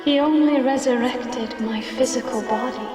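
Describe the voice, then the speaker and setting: Ghostly noblewoman for a game: woman acting gentle, formal, sorrowful, higher-pitched, long reverb. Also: natural voice. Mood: grave. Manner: solemn, slow, formal. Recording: echoing long reverb under loud music.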